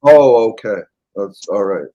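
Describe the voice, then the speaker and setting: A man's voice: lowish voice, expressive, a little slow, warm tone, dull audio. A middle-aged man, chatting casually and apologetically on a webcam call. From Canada. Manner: rambling, apologetic. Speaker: livestream host. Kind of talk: casual chat.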